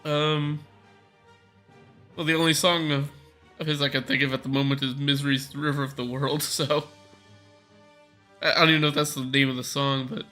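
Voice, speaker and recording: Excitable, stammering bright-voiced man. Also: fairly high pitch, normal speed, long pauses, faint music behind. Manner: excitable, stammers and repeats words. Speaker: streamer playing a game live. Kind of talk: casual chat.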